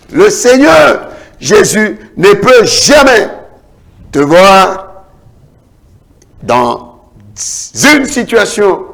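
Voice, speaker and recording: Gravelly, dramatic male preacher. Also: sits high. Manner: dramatic preaching with big swings between shouts and hushed lines; repetitive, declamatory cadence. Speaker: prophet preaching. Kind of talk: sermon.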